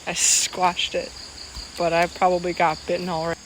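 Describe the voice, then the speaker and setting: Insects and nature ambience hum through noisy audio as a woman vlogger chats on a trail at a moderate pace. Her fairly low voice stays monotone while she rambles, repeatedly dropping "like" into her sentences.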